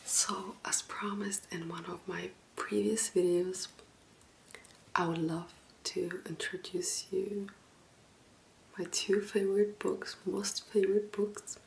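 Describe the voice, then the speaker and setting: A woman who is not a native English speaker, whispering soft ASMR book talk close to the mic and asking viewers questions directly. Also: mid-range voice, flat delivery, slow, vocal fry, slight background noise, rough recording. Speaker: ASMR creator.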